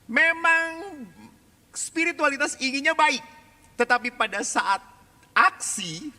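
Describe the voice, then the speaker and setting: Animated, bright-voiced male priest in a hall. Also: very high voice, takes it slowly. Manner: animated storyteller, acts out quoted voices. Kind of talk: lively seminar talk. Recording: reverberant hall.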